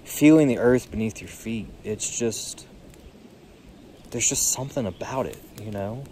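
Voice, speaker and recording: A tired young man musing aloud in a solo vlog, seated outdoors by a creek, filling his pauses with "you know". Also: on the low side, warm tone, slight background noise. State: tired, yawning. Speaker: podcast vlogger. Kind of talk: reflective solo monologue. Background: faint creek water and birdsong.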